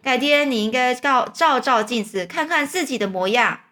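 A woman voicing a rude, grinning centipede who teases loudly in a children's storybook. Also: high-pitched, expressive, normal speed, pitched above the performer's own voice. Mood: teasing. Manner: teasing, loud.

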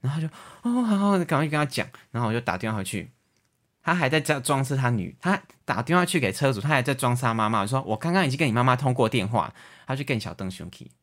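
A man with a Taiwanese Mandarin accent, speaking quickly at a middle pitch. He tells his stories in casual chat and puts on higher voices when quoting callers. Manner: animated, acts out callers in raised voices. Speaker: podcast guest, debt collector.

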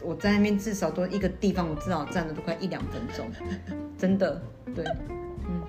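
A woman with a Taiwanese accent telling personal stories in a casual, animated chat, often repeating phrases for emphasis. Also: lowish voice, fairly quick. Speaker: podcast co-host. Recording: music behind the voice.

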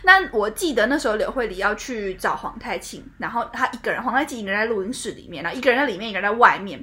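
A young woman in casual chat, animated and laughing as she rants about old drama scenes. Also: mid-range voice, very fast. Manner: animated, swears and laughs while ranting. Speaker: co-host.

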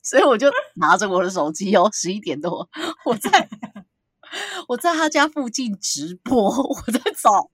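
Animated woman telling a story. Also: on the high side, unhurried, slightly rough, no room sound, studio quality. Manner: animated storyteller, acts out quotes, laughs often. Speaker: podcast co-host. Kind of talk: casual storytelling chat.

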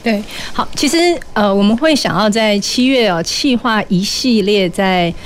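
A woman with a Taiwanese Mandarin accent hosts in a public radio manner. Her mid-pitched voice is polite and explanatory, conversational in flow. There is noticeable noise behind her. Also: unhurried. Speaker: radio program host.

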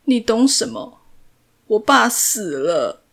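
A woman voicing a grief-stricken young man who shouts through tears in a retold drama. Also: high-pitched, big pitch swings, moderate pace, gravelly, full character voice. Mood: defiant.

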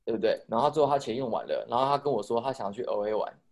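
A man's voice: medium pitch, very fast, darkish tone, slight background noise. A young man with a Taiwanese Mandarin accent, telling a rambling story in casual podcast chat with a lot of swearing.

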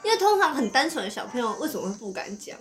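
A woman, chatting as co-host and asking curious questions with quick laughs. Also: sits high, big pitch swings, faint music behind. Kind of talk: casual podcast chat.

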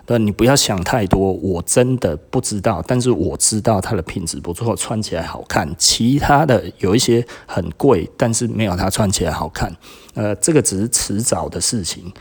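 A middle-aged man with a Taiwanese Mandarin accent speaks at normal speed in a lowish, slightly rough voice. He chats casually as a podcast host and shop owner, laughing often and quoting others in lively bursts.

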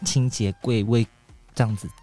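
Animated man telling stories casually. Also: mid-range voice, moderate pace, soft background music. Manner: animated, acts out quoted lines. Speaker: podcast co-host. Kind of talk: casual storytelling chat.

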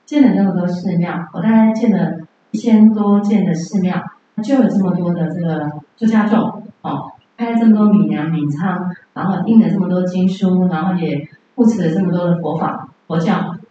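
A proud, demanding emperor who brags about his good deeds, as a woman teacher puts him on. The voice sits deep in a very echoey room with a dull, lo-fi sound. A faint hiss runs underneath. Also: normal speed, warm tone, far from the mic, natural voice. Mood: boastful. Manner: self-important, demanding. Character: boastful proud male emperor.

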